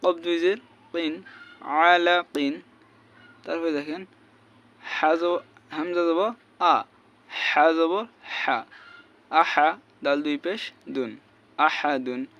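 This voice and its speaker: A man teaching Arabic reading, slowly chanting letter names and vowel marks as a repeating drill. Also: fairly high pitch, fairly bright tone, dull audio. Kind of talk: slow spelled-out recitation lesson.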